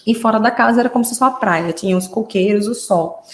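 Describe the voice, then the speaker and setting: A woman's voice: fairly high pitch, quick pace. A woman speech therapist teaching parents in a live online class, explaining patiently and often checking in with "né?". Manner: warm explanatory, frequent "né?" tags. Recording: roomy echo.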